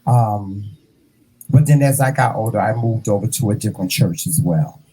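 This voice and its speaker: A man in his fifties hosting a casual interview, animated and playful, calling his guest "child" and "honey". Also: on the low side, normal speed, husky, low-quality recording. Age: 50s. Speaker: host.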